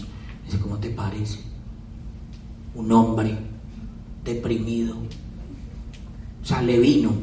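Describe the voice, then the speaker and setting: A man's voice: medium pitch, slight background noise. Emphatic man preaching in an echoey hall. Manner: emphatic and repetitive, drives points home with rhetorical questions. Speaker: motivational speaker at a business event. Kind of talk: motivational speech to an audience. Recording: echoey hall, picked up from a distance.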